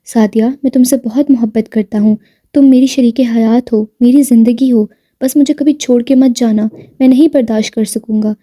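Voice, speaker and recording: A woman's voice: on the high side, steady tone, dark tone, lightly acted. Woman reading a teasing devoted husband. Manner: teasing and tender, then firm when arrested. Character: devoted affectionate husband, teasing, wealthy businessman.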